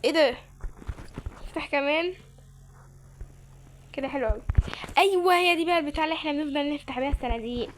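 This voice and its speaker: A woman's voice: high voice, quick pace, pauses often, a little hiss or hum. A woman with an Egyptian Arabic accent giving playful, chatty let's-play commentary and talking to her viewers. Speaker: gamer.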